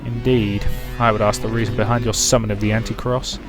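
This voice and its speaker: Scheming male officer for a villain faction in a game: formal, grave, low-voiced, acted by a male reader, music underneath. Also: little pitch movement, natural voice. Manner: formal, measured.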